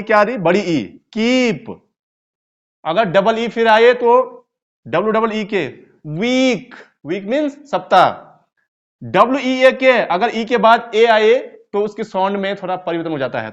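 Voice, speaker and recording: A man's voice: high voice, a bit bright. A man with an Indian accent gives a video lecture on English sounds, spelling out words letter by letter and quizzing his students. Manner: spells words letter by letter and asks the class questions. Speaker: English teacher. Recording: dull lo-fi recording.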